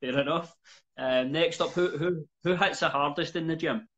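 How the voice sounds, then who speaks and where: A man's voice: fairly high pitch, normal speed, fairly bright tone. A young man interviewing a fighter over a video call, easygoing and laughing along. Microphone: video call with earphones. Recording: dull lo-fi call audio.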